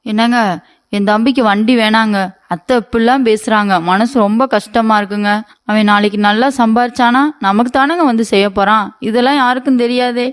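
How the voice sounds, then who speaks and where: A woman voicing a demanding young wife in an animated story, complaining and pleading with her husband. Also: fairly high pitch, fairly quick, smooth, natural voice. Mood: aggrieved.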